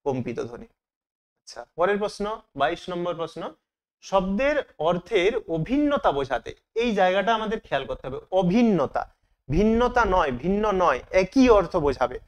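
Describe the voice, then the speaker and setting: A man's voice: high voice, big pitch swings, fairly quick. A man teaching as he works through exam questions, asking each question aloud and then answering it himself. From Bengal.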